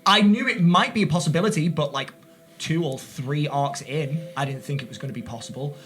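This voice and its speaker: A man's voice: on the high side, fairly quick, fairly bright tone, faint music behind. A man who is the game master of a tabletop podcast, talking casually and trailing off into fillers. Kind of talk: podcast chat.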